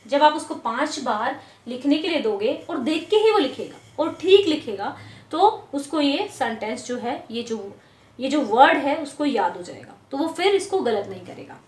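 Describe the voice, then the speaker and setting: A woman teacher explaining a lesson to parents, patiently repeating words slowly, syllable by syllable. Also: high-pitched, very animated, echoey room.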